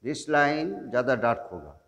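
A man teaching an online drawing class, giving slow step-by-step instructions and mixing in English. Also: mid-range voice, very animated, a bit bright, big-room sound, highs cut off. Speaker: art teacher.

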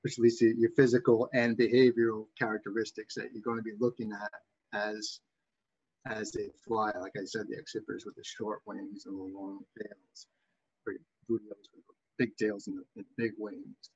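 A man from Massachusetts with a Boston accent gives an informal slide lecture as an instructor, in a halting, backtracking way with a slightly husky voice. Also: on the low side, flat delivery, muffled recording. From Massachusetts, USA. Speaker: bird identification instructor.

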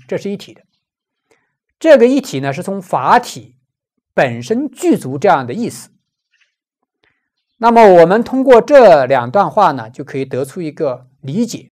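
Brief: low-voiced woman teacher, animated lilt, walks listeners through a Buddhist text with rhetorical questions. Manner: explanatory, asks and answers own rhetorical questions. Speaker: Buddhist lecturer. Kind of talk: scripture commentary lecture.

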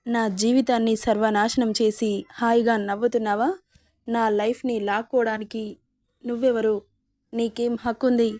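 Give me a bitter, angry young woman in a story, voiced by a woman narrator, with a fairly high, mellow voice. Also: level tone, normal speed, dry recording, studio quality, lightly acted. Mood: furious. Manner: shouting accusations, scornful.

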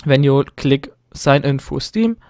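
This young German guy is hosting his first English gaming tutorial, narrating a screen recording in a medium-pitched, expressive, unhurried voice with a slight mellowness. He's nervous and hesitant, full of ums, fillers and restarts. The sound is clean and dry, with no echo.

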